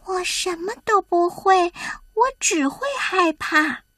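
A woman's voice: extremely high pitch, slow, a bit bright, no room sound, clean studio sound, voice pushed up, full character voice. A woman voicing a timid little male hedgehog who is afraid of everything, speaking in a small, hesitant, stammering voice.

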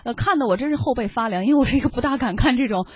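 A woman co-hosting a studio film talk show, talking in a lively, opinionated way with many fillers. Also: fairly high pitch, racing, breathy edge, dry recording. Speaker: co-host. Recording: dull lo-fi broadcast sound.

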